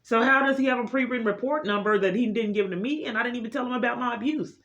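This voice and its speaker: Speaking a bit fast in a slightly high, somewhat bright voice, this woman vents off the cuff, pressing a long personal complaint with insistence. It's a vlogger's grievance monologue, captured with a roomy sound and muffled, noisy, click-ridden audio.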